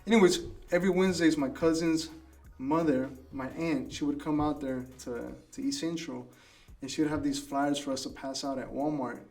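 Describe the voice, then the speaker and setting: A man's voice: on the high side, moderate pace, faint music behind. A man in his thirties telling stories about his life in a casual interview, restarting his sentences often. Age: 30s. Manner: relaxed storytelling with many restarts. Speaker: interviewee, food business owner. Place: coworking space.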